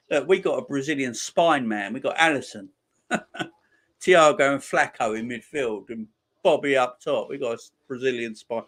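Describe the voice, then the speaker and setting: A man's voice: medium pitch, a bit bright. A man, hosting a casual football livestream and chatting with viewers, laid-back and slangy, laughing often. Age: 40s. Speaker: livestream host. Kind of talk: casual chat reading viewer comments.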